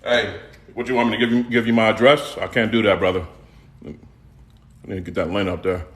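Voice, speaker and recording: A man's voice: lowish voice, fairly even intonation, brisk, reverberant. A middle-aged man with a Houston accent, hosting a casual cooking livestream and talking straight to his viewers in a laid-back way, repeating phrases as he goes. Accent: Houston, Texas. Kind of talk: casual live-stream chat. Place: home kitchen.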